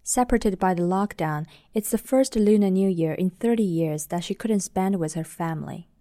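A woman from China, producer and host, reading a scripted podcast narration in a calm, measured way while recording under a blanket in her bedroom. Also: lowish voice, no room sound, studio quality. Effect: muffled, recorded under a blanket.

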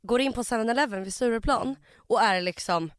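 A young woman with a fairly high voice chats on a podcast. She tells her stories with animation and acts out the voices of the people in them. The sound is dry and close to the mic. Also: no echo. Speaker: podcast co-host. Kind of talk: casual podcast chat.

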